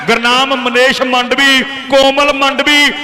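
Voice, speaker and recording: A man's voice: very high-pitched, level tone, unhurried. A man with a Punjabi accent doing hearty, declamatory live kabaddi announcing, calling out names and sponsors with folksy flourishes. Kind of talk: live sports announcing, reading out names, sponsors and prize money. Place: outdoor village kabaddi tournament ground. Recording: loud crowd at outdoor ground. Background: crowd noise.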